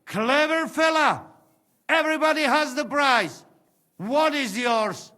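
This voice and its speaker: A sly, coaxing mercenary with a Trenčín accent. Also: male voice, very high voice, takes it slowly, bright, forceful tone, heavily acted. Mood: bribing. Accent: Trenčín region. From Trenčín region. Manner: broken English, wheedling.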